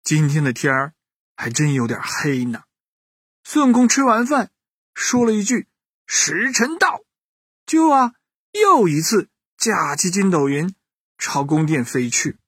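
A man narrating a children's bedtime story in an animated way, speaking straight to the children listening. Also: on the high side, measured pace, breathy edge, no echo, studio quality. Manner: animated, addressing children directly.

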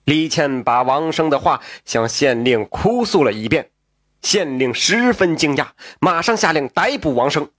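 Male storyteller, somewhat high, very lively, animated with asides, dry close sound. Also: unhurried, dry recording. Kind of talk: traditional storytelling narration.

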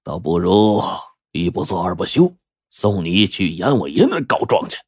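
A male storyteller voicing a threatening bandit, who speaks slowly and in a low, husky tone. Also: big pitch swings, no room sound, clean studio sound. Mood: menacing. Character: menacing male bandit with a broad blade. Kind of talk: storyteller's acted dialogue.

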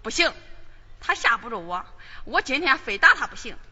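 An actress playing a cheeky young maidservant in a Henan opera, talking back in a saucy comic Henan accent. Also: female voice, on the high side, very animated, normal speed, in a large hall, heavy background noise. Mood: plotting. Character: cheeky young maidservant with big feet, bold and playful. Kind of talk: Henan opera stage performance, comic spoken dialogue. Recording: dull lo-fi stage recording with opera music.

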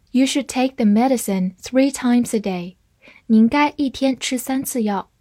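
Woman, English teacher, slow deliberate lesson, dry close recording. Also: fairly high pitch, a little mellow, no room sound. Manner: clear, slow model reading of example sentences. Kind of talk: scripted vocabulary lesson.

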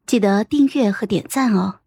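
A woman storyteller narrating a first-person palace story, softly dramatic and deliberate. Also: medium pitch, vocal fry, husky.

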